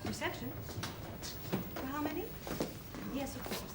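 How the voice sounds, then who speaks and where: An English actress playing a long-suffering middle-aged sitcom wife, dryly teasing and gently sarcastic. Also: female voice, high voice, a little slow. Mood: polite, inquiring. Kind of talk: British sitcom acting. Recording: noisy old television sitcom soundtrack.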